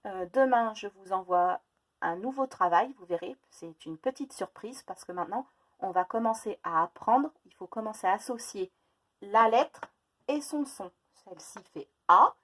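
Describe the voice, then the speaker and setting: A woman teaching a phonics lesson to young children, slowly and clearly separating each sound and stressing the key words. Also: medium pitch, lively intonation.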